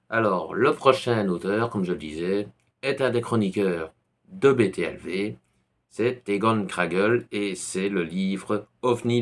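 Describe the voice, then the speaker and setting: A man from Belgium with a Belgian French accent, casually recommending books with a rambling manner and many hesitations. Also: on the low side. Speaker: YouTuber reviewing books.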